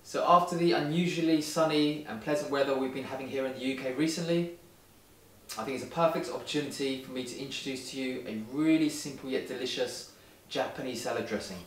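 A man hosting a home cooking video, giving clear step-by-step instructions and tasting the dish in his kitchen. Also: medium pitch, a little fast, a little hiss or hum. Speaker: cooking show host. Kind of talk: recipe narration and tasting. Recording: background music under voice.

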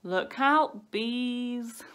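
A woman's voice: mid-range voice, animated, takes it slowly, gravelly, a bit bright, heavily acted. Woman putting on Smelly Breath, drawling whiny baby wolf. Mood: excited, boisterous.

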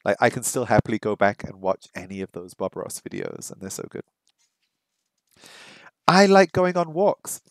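A middle-aged man, a native English speaker living in Hong Kong, streams his Japanese practice from a small home room by a window, talking casually into a close, dry headset mic with no echo. His voice sits fairly low and moves in a sing-song way. He chats with viewers, pauses to sound out practice phrases slowly, and repeats words as he works them through.

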